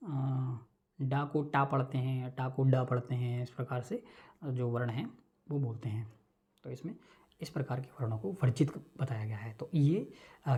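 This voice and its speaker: A man giving an online lecture, explaining each term slowly with many repetitions and check-ins. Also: mid-range voice, warm tone. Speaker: Sanskrit teacher.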